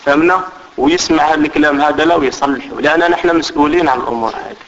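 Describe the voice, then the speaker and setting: Religious teacher, male, Algerian Arabic accent, patient explainer who keeps checking understanding; slightly high voice on a muffled recording. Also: steady tone, rapid-fire. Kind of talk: religious lesson.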